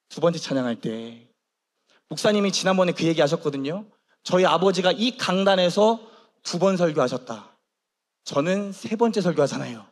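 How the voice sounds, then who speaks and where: High-voiced lively male pastor. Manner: animated storytelling, acts out quoted dialogue. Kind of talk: sermon. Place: church sanctuary. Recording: long reverb of a church hall.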